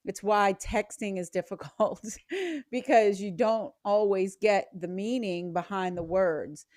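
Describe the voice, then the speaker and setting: A woman hosts a relaxed conversation, explaining ideas and laughing easily between points. Her voice sits in a middle range. The recording is dry and close. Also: medium pitch, slow pace, no room sound. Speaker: podcast host. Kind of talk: casual chat.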